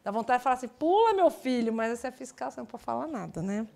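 A woman teaching English in a live online exam-prep class, explaining in a chatty way with lively asides. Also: fairly high pitch, racing, vocal fry. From Brazil.

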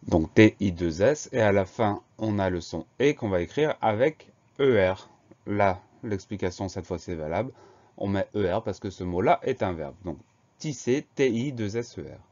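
A man with a fairly low voice gives a spelling lesson. He talks slowly and patiently and spells each word letter by letter. The recording is dull and lo-fi. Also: expressive, a little mellow. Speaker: teacher.

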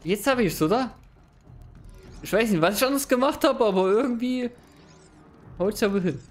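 A man's voice: high-pitched, animated, moderate pace, faint music behind. A young man giving casual let's play commentary, thinking aloud and questioning himself into a close mic. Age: young adult.

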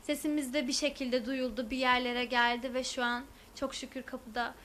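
A woman's voice: high-pitched, level tone, normal speed, a bit bright, a little hiss or hum. A young woman, a university student, giving testimony to a news camera with hesitant filler sounds. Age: young adult.

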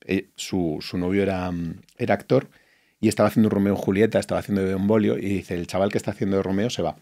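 A middle-aged man from Spain with a fairly low voice, talking as an interview guest. He tells his stories with lively asides, acts out what people said, and stops to restart his sentences. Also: fast talker. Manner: anecdotal storytelling, acts out quoted lines, frequent restarts. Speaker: actor guest. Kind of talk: casual interview chat.

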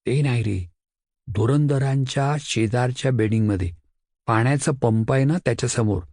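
A man's voice: medium pitch, moderate pace, mellow, no echo, clean studio sound, lightly acted. Earnest schoolboy friend, read by a man.

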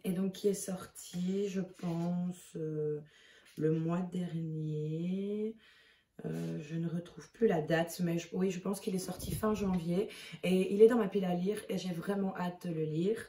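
Woman, casual book review chat, warm mellow tone, echoey room, mic set back. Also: on the low side, fairly even intonation, unhurried, a little hiss or hum. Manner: chatty and hesitant, checking her notes. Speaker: book vlogger. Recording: roomy echo, mic at a distance.

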